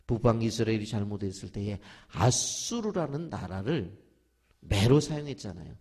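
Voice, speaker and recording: A man's voice: mid-range voice, a little mellow, slightly rough. A middle-aged male pastor preaching a dawn prayer sermon, leading the congregation to repeat after him and acting out quoted voices. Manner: preaching with call-and-response to the congregation; acts out quoted voices of children and parents.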